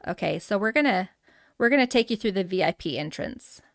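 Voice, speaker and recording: A middle-aged woman hosts a live gameplay stream, chatting loosely, laughing often and calling out viewers by name. Her voice sits at an ordinary middle pitch. It comes through a close mic with a dry, roomless sound. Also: lively intonation, fairly quick, dry recording. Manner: chatty and giggly, reading out chat names. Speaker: livestream host touring a game island. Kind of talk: casual live gameplay chat.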